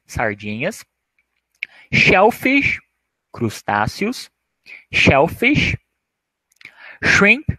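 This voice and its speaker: A man's voice: medium pitch, fairly bright tone, no echo, poor audio. A man whose first language is Portuguese, teaching a vocabulary lesson and repeating each word with careful emphasis. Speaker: English teacher.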